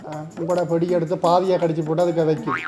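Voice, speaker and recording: A man's voice: fairly high pitch, level tone, quick pace, music in the background. A man with a Jaffna Tamil accent, complaining and whining in a comic sketch. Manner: whiny, complaining loudly. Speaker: comedian in a sketch.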